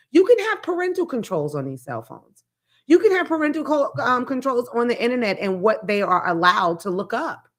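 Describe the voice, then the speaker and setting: A woman hosting a talk show, speaking in a blunt, profane, animated casual monologue. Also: mid-range voice. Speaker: podcast host.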